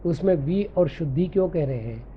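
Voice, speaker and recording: A man, a monk teaching scripture, who recites verses deliberately and then explains them in a patient way. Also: a little high, animated, a little hiss or hum. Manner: patient, explanatory, corrects common misreadings. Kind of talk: scripture lecture in Hindi. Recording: dull lo-fi recording with faint music.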